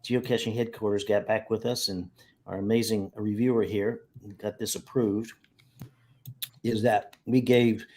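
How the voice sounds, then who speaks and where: A man's voice: fairly low pitch, flat delivery, a little slow, a little mellow. A man, chatting over a video call as a guest, telling stories in a rambling way that circles back and corrects itself. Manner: rambling, self-correcting storyteller. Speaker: guest geocacher. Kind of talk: casual video-call chat.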